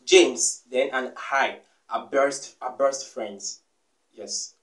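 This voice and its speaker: A man's voice: medium pitch, slow pace, a bit bright. A man giving a casual English lesson, repeating each correction with emphatic "yes" and "okay" asides. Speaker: English teacher. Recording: echoey room, voice from far off the mic.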